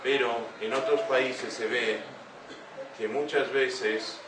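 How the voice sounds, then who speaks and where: An older man speaks earnestly to a young audience, stopping often to ask rhetorical questions. His voice comes from some way off the mic in an echoey room, with steady room noise behind him. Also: medium pitch, slow pace. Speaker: speaker giving a talk. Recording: echoey room heard from a distance.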